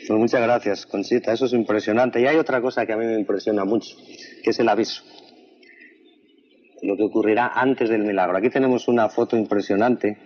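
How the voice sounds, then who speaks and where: Earnest low-voiced male interviewer. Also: fairly even intonation, fairly quick, darkish tone. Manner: earnest, often restates the guest's answers. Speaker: interviewer, a doctor. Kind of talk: conversational interview. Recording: dull lo-fi recording.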